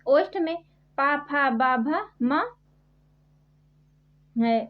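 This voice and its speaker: Woman tutor, high voice, slow and repetitive quiz delivery, dull lo-fi recording. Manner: repeats each question and answer slowly, spelling out sounds. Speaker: Hindi grammar teacher. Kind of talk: quiz-style exam prep lesson. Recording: dull lo-fi sound.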